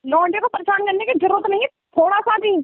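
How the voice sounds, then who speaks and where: Over a narrow-band phone recording with no echo, a woman with a very high-pitched voice talks fast in a heated argument. She swears, threatens, and scolds.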